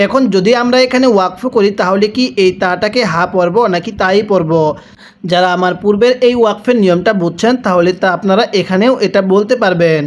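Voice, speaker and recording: A Quran reading teacher who spells out each syllable and then has listeners repeat after him, in a slow, measured lesson. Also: medium pitch.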